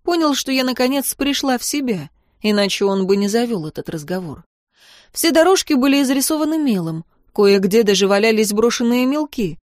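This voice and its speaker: A woman narrating a novel in the first person, calm, measured and expressive. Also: on the high side, dry recording, studio quality. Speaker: audiobook narrator.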